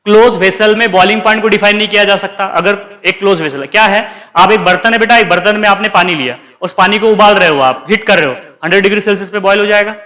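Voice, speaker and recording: Bright, high-voiced teacher. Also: male voice. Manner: lively, questions the class and answers himself. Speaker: chemistry teacher. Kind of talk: classroom lecture.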